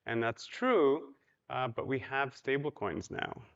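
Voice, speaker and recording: In a big hotel ballroom, a conference speaker from Poland chats informally, peppering his talk with ums, you-knows, and questions for the crowd. His medium-pitched voice is animated with vocal fry, and he goes slowly. The recording quality is lo-fi.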